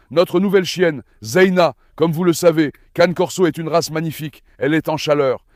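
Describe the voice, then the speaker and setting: A man's voice: a little high, no room sound, studio quality. A man hosting a casual dog vlog, talking to his dogs and to the camera, coaxing and affectionate with the animals and pleading with viewers. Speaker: dog breeder and vlog host.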